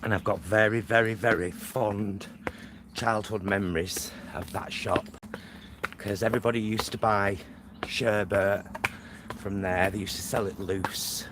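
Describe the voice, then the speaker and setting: Out on a walk by a lake and a motorway, a man chats casually to his vlog in brief, wandering phrases. His voice is lowish, steady and a little slow, with traffic and outdoor noise in the background.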